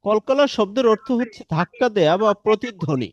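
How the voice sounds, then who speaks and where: High-voiced man teaching Quran recitation. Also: big pitch swings, dull audio. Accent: Bangladeshi Bengali. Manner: patient, explains step by step and drills examples slowly. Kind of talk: live online tajweed lesson.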